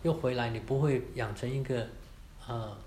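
A man leads a church class on Bible reading in an easy, conversational way, ending lines with soft particles and slipping in English words now and then. His voice sits at a middling pitch. The room adds a clear echo and a faint hiss behind him. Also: normal speed. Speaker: baptism class teacher. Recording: echoey room.

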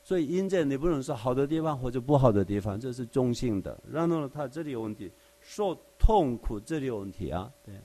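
A man's voice: mid-range voice, lively intonation, fairly quick, hardly any pauses, warm tone. A man preaching a conversational Bible study sermon. He explains verse by verse with everyday examples and often asks his listeners rhetorical questions. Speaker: Bible teacher.

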